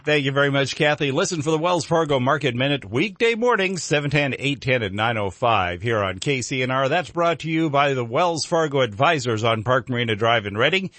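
A man's voice: medium pitch, animated, fairly quick, few pauses, a bit bright. An American man hosting local morning radio in a folksy, rambling, unscripted way. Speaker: local radio show host.

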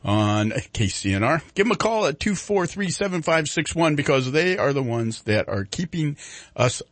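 A man's voice: on the high side, sing-song, moderate pace, no room sound. A man hosting a live, ad-libbed morning talk radio show on a studio microphone. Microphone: studio broadcast microphone.

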